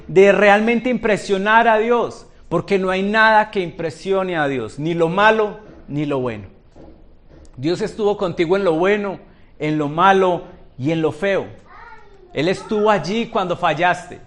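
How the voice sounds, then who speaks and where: A male pastor preaching a sermon in a church, asking the congregation rhetorical questions. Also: sits high.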